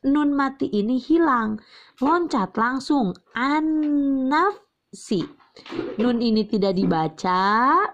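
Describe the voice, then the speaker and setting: A young woman teaching Quran reading rules, asking questions and answering them herself, and stretching out each example word. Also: on the high side. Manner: drawn-out recited examples, repeats key terms, asks and answers herself. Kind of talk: slow patient tajwid lesson. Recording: slightly dull lo-fi recording.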